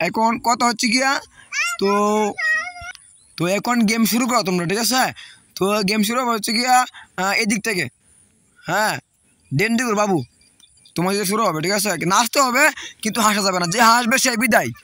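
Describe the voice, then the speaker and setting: A man's voice: sits high, fairly quick, pauses often, no room sound. A man hosting a casual comedy vlog game, bossily calling time and sending players off. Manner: bossy, keeps shouting at players to move on. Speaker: game host.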